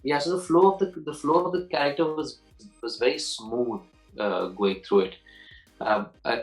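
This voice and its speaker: A man in his forties, an actor, answers interview questions loosely and rambles, frequently restarting and repeating words, with easy laughs. His voice is on the low side and slightly bright, and the recording is rough.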